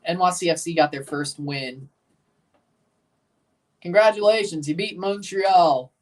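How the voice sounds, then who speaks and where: Far from his microphone, a young man with a deep voice livestreams his reactions to a soccer match, trading frank hot takes and replies to chat at an unhurried pace. When he gets agitated, his excitable voice shoots up in pitch.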